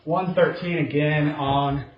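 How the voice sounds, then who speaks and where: Echoey, low-key man giving golf commentary. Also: steady tone, slow pace. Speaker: golfer narrating his own simulator round. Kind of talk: casual self-commentary on golf play, like a golf commentator. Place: indoor home golf simulator room. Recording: roomy echo, slight noise, dull sound.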